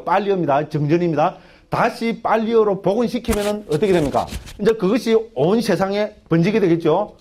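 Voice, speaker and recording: A man, a Buddhist monk, giving a lively dharma lecture in a Gyeongsang dialect, often asking his listeners for agreement. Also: a little high. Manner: keeps asking the audience for agreement, animated and colloquial. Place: temple education hall.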